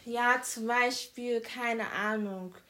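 A young woman guest with a very loud voice, talking emphatically in quick bursts in a casual podcast chat. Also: a little high, fairly even intonation. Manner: emphatic, quick bursts, says "ich schwör".

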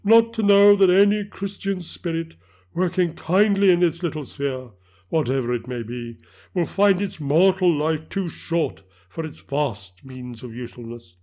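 A man's voice: fairly high pitch, a little slow, warm tone, pitched above the performer's own voice, natural voice. A man voicing the anguished ghost of a dead miser, wailing and declamatory.

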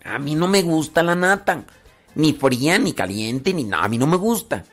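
A man's voice: on the high side, sing-song, moderate pace, a bit bright, faint music behind. A man with a Mexican Spanish accent giving a casual, conversational moral talk, often acting out little everyday scenes to make his points. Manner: conversational, acts out little scenes, frequent fillers.

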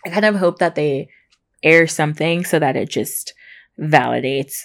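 A woman podcast host giving a casual, rambling, chatty recap in informal speech, with soft R's that come out close to W. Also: deep voice, moderate pace. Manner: rambling, gushing informal talk with frequent "like" and "super".

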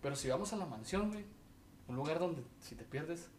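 A man with a Mexican Spanish accent hosting a casual podcast, telling a story in an animated way and peppering it with slang fillers. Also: a little high, a little fast, distant mic, a little hiss or hum. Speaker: podcast host. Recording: echoey room, off-mic.

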